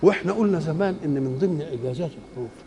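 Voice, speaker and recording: A man's voice: on the high side, lively intonation, rapid-fire, mellow. An older man with an Egyptian Arabic accent giving a Quran commentary lecture, posing rhetorical questions and answering them like a teacher. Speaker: Islamic scholar. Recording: echoey hall with faint ambience.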